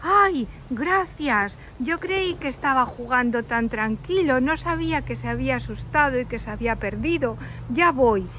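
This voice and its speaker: A woman voicing a gentle, kind mother bear who soothes and reassures in a toy-play story. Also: sits high, expressive, moderate pace, hardly any pauses, a little hiss or hum.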